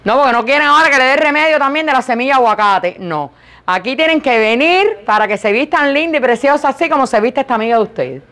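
A woman with a loud, high voice, chatting playfully and joking about herself while she models clothes in a boutique for a vlog. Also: lively intonation, fast talker. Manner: playful, joking, self-mocking.

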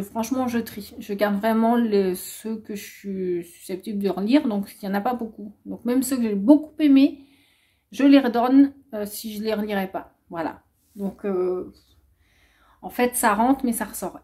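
Rambling through a book haul vlog, a young woman talks in a chatty, casual way, hesitating a lot and dropping many filler "euh"s. Her voice is mid-range with a dark tone.

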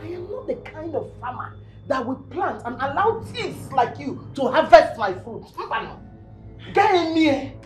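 A woman's voice: very animated, a little slow, reverberant, soft background music. An actress with a Nigerian accent playing a scornful, scheming mother who scolds harshly. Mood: menacing. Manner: scornful, scolding, sudden pitch jumps.

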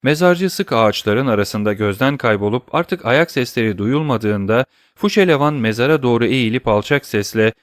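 A man reading a classic novel aloud as an audiobook narrator, in a steady, measured way. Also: medium pitch, no echo, studio quality.

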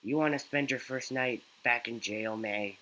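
A man's voice: mid-range voice, moderate pace, pushed and bright, lightly acted, poor audio. A man reading the lines of a stern female town cop on patrol in a bossy, scolding way, close to his own voice.

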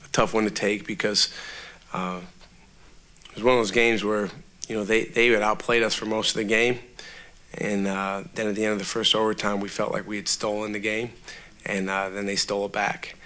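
Seated at a table microphone before a sponsor backdrop, the coach, a man in his thirties leading a college basketball team, handles reporters after the game. He talks in a lowish voice, calm and measured, leaning on many filler words.

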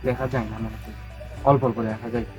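Man, casual backyard vlog, chatty rambling, rapid talk, mid pitch, outdoors by a pond. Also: little pitch movement, over music, poor audio. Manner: rambling, chatty, addresses viewers directly; speaking quietly so neighbours won't hear. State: tired and sweaty from washing a bicycle. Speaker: vlogger.

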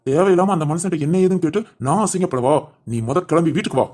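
Woman voicing a gruff short-tempered village husband. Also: on the low side, natural voice. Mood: threatening. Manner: scolding, quick and sharp. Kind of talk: cartoon voice acting.

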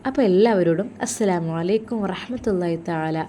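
A woman narrating a scripted family story in a measured, emotive way. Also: fairly low pitch, warm tone, slight background noise.

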